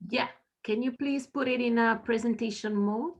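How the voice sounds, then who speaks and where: A woman's voice: a little high, fairly even intonation, normal speed. A woman moderating an online seminar over a video call, polite and hesitant, with fillers.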